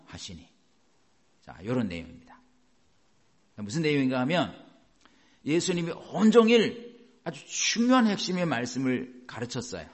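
A male pastor giving a sermon, reading scripture slowly and then explaining it in a chatty way to the congregation. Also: mid-range voice.

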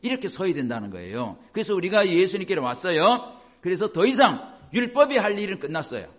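A man's voice: high voice, big pitch swings, fairly quick, a bit bright. A man preaching a sermon as a pastor, explaining by asking the congregation questions and acting out quoted voices.

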